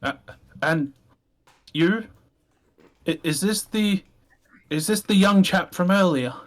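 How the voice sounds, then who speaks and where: A man voicing a gentle, polite old village elder in a tabletop game. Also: high-pitched, slow, pitched above the performer's own voice. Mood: courteous.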